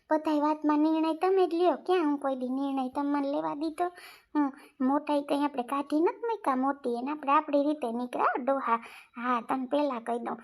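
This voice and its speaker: A performer playing a scolding old village mother in a family comedy skit. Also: high-pitched.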